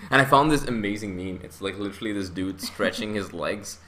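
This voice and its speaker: A young man hosts a casual podcast about investing. His voice sits a little low but comes across bright and forceful. He rambles from point to point and keeps chuckling as he goes. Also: brisk. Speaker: podcast host.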